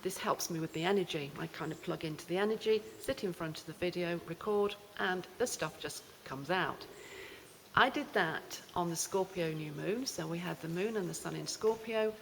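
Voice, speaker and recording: A woman's voice: on the low side, moderate pace. A woman presenting an astrology explainer unscripted, reflective and hesitant with emphatic repetition, recorded with cave echo. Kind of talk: unscripted spoken explainer to camera. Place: inside a mountain cave. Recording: echoey cave reverb, clear background noise.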